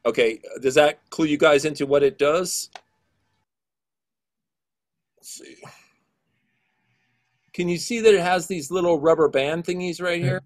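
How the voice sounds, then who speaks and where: A middle-aged man with a low voice gives an online class on a video call, unhurried and with long pauses. His explanations are casual and full of fillers.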